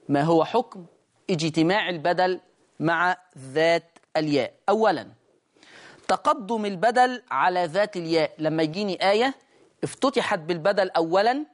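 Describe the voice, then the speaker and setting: A man with an Egyptian accent teaching a Quran recitation lesson, drawing out each example word slowly as he demonstrates it. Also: fairly high pitch. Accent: Egyptian Arabic. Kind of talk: recorded tajweed lesson.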